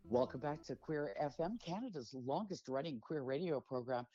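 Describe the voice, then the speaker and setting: A woman's voice: deep voice, expressive, moderate pace, loud music behind the voice. A woman co-hosting a radio show, reading the intro and plugs in an upbeat announcer manner. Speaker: radio co-host. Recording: dull, dry radio studio audio.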